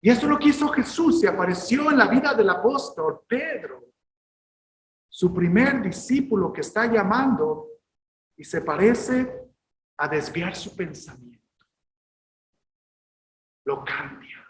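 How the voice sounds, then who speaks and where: A male pastor delivers a sermon in slow, deliberate phrases, pressing his points with emphasis and now and then rising to a shout. His voice echoes around a roomy space. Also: sits high, expressive. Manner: emphatic, rises to shouted exhortations.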